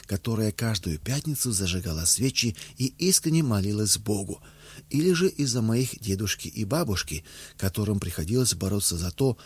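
A man reading a memoir aloud as an audiobook narrator, in a steady, measured way. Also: on the low side, breathy edge, dry recording.

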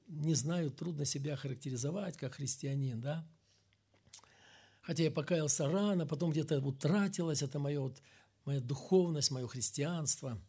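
A man preaching a sermon in a high voice with a rough, gravelly edge. He swings from loud, emphatic stresses to low, quiet asides. When he quotes others, he raises his voice to act out their speech.

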